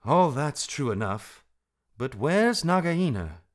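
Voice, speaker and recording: A fierce little storybook mongoose, played by a man, impatient and brave. He speaks in a raised, emphatic voice with lively swings, briskly scolding. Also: lowish voice, pitched above the performer's own voice.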